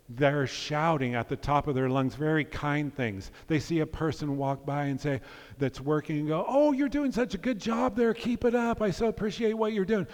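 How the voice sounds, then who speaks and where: A man in a reverberant church sermon. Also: mid-range voice. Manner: earnest, conversational, playful asides. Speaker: pastor. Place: church sanctuary. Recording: long hall reverb.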